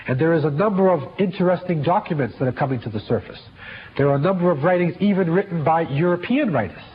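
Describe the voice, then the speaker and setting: A man giving a history lecture in a measured, halting way, with many fillers and restarts. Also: a little high. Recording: dull lo-fi lecture recording with faint hiss.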